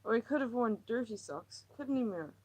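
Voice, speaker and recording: A woman reading aloud, voicing an anxious, troubled housewife who rambles and pleads, her voice often climbing high. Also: expressive, a little fast, darkish tone. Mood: exasperated.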